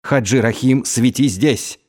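A man's voice: mid-range voice, measured pace, darkish tone, natural voice. A man voicing a drunken, raging young Mongol khan who is suspicious and given to wailing outbursts. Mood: wild, drunken.

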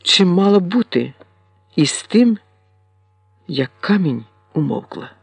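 Slow, measured male storyteller. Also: sits high, gravelly, slightly rough, no room sound, soft background music. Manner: measured, expressive reading. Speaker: audiobook reader. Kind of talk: scripted narration of a classic novel.

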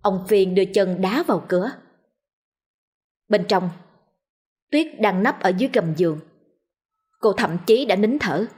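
A woman narrating a horror story in a steady, suspenseful reading. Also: mid-range voice, measured pace, pauses often, breathy edge.

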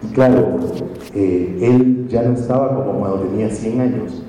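Recorded from far off in an echoey hall, a man with a lowish, dark-toned voice speaks at a moderate pace. He's a journalist and speaker addressing a conference audience, sharing reflective stories and frequently ending lines with "right?".

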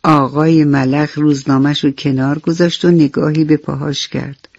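A man narrating a bedtime story for children on the radio, speaking gently and often turning to ask his young listeners questions. His voice sits a little high with a gravelly grain. The studio sound is dry and a bit muffled, with soft music underneath. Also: flat delivery, no room sound.

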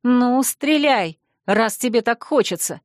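A woman voicing a proud, hurt and defiant young female mage who snaps back in sharp, clipped retorts. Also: medium pitch, measured pace, dry recording, studio quality, natural voice. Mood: furious.

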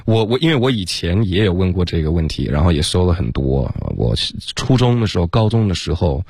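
A man with a very low voice teaches English pronunciation on a radio lesson. He explains patiently, murmuring agreement and mixing English words into his Chinese, and the sound is close and dry. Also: big pitch swings, a little fast, darkish tone, breathy edge, dry recording. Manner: frequent back-channel murmurs. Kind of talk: casual radio lesson chat.

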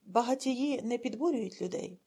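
A woman reading an audiobook and voicing a zealous male secret-police officer who speechifies until he is hoarse. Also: on the high side, moderate pace. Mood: probing. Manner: fiery speechmaking, rising to shouts.

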